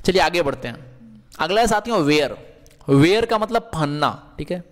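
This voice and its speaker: A man's voice: fairly high pitch, lively intonation, moderate pace, fairly bright tone, long reverb tail. A man teaching English verbs in Hindi, asking questions and answering them himself, with frequent checks that the class is following.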